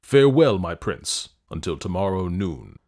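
A man voicing a stern, quick-tempered king who booms his orders slowly and heavily. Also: animated, darkish tone. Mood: commanding. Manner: booming, commanding, slow and heavy.

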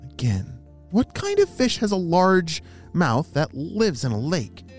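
Animated kindergarten-teacher voice, woman storyteller. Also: on the low side, a little slow, faint music behind. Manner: kindergarten teacher voice, encouraging, exaggerated and sing-song. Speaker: children's story podcast host. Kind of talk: storytelling addressed to young children.

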